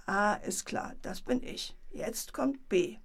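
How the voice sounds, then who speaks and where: A woman voicing a cheeky toy monkey who calls out the letters in a bedtime story, with a brisk, bossy manner. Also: mid-range voice, gravelly. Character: cheeky toy monkey leading an alphabet game.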